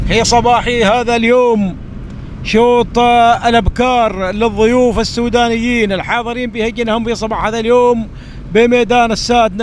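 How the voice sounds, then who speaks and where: A man with a Gulf Arabic accent giving live camel race commentary, repeating phrases for emphasis. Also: extremely high pitch. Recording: outdoor recording with vehicle noise. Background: faint car and outdoor noise.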